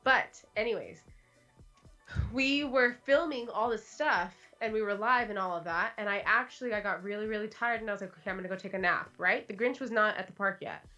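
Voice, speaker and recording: A woman with a bright, forceful voice chatting on a livestream. She tells long stories in a loose, chatty way, full of restarts and fillers. Faint music plays behind her. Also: mid-range voice, fairly quick. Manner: chatty storyteller, many restarts and "like". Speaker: livestream co-host. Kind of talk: casual chat.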